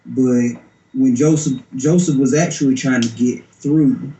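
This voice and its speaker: A man's voice: medium pitch, steady tone, measured pace, warm tone. A man giving an informal interview account as a security guard. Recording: roomy echo.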